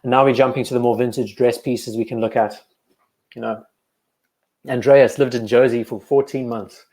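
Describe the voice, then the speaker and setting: A young man with a Cape Town South African accent hosts a casual livestream, chatting in a relaxed, enthusiastic way and thinking aloud as he goes. His voice sits at medium pitch and moves at a normal speed.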